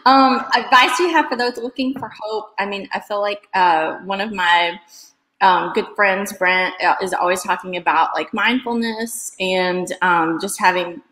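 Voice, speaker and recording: A woman's voice: mid-range voice, a little slow, sharp tone. Roomy-sounding woman musing on faith. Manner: thoughtful, rambling, laughs easily. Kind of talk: casual faith chat. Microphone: video call. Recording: roomy echo.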